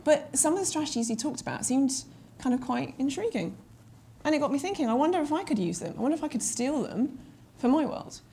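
A woman's voice: high-pitched, fairly quick, vocal fry, a little hiss or hum. Self-deprecating woman giving a funny keynote. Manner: self-deprecating and lively, with comic asides. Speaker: keynote speaker and coach. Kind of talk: humorous keynote speech. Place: large conference room with a seated audience. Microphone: lapel mic.

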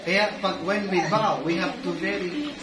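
A man's voice: moderate pace, loud music behind the voice. A man in his thirties with a Filipino accent, seated at a stand mic and preaching a sermon in English and Tagalog, gesturing as he speaks. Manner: animated, gestures widely, rises in pitch for emphasis. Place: small church hall with curtains, indoors. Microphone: stand mic in front, seated, filmed by far camera. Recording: echoey hall mic from a distance, loud background noise.

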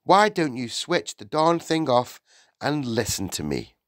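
Man putting on an earnest, resolute lady schoolteacher, higher pitch. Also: animated, unhurried, dry recording, clean studio sound. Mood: firm, indignant. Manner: earnest, polite, firm. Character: slim young woman schoolteacher, polite but resolute.

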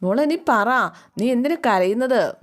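A woman's voice: on the high side, expressive, measured pace. A woman voicing a caring mother who anxiously questions her grown daughter. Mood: worried.

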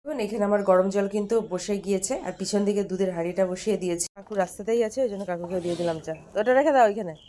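A woman's voice: mid-range voice, fairly even intonation, racing, few pauses, warm tone. A woman, narrating a casual daily-life vlog from her home kitchen and chatting viewers through her chores.

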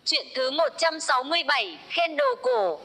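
A woman with a high voice reads short folk jokes aloud as a storyteller. Her tone is bright and sharp, and she keeps an even, unhurried storybook pace. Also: soft background music.

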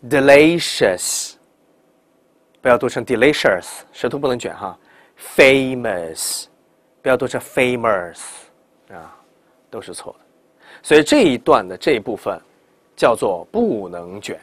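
A middle-aged man teaching pronunciation in a classroom lecture, asking rhetorical questions and repeating words slowly to demonstrate them. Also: medium pitch, big pitch swings, breathy edge, no echo.

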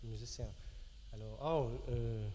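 A young man from England, a native English speaker, answers interview questions in halting French with an English accent, searching for words. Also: mid-range voice, fairly even intonation, warm tone. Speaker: pianist of a rock band, interview guest. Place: television studio, seated at a piano. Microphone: microphone on a stand at the piano. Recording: reverberant TV studio with background noise.

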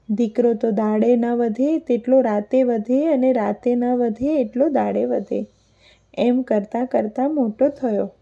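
A woman's voice: sits high, gravelly, warm tone. A woman narrating a devotional folk tale as a storyteller, reading expressively and voicing the characters' lines. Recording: dull lo-fi recording.

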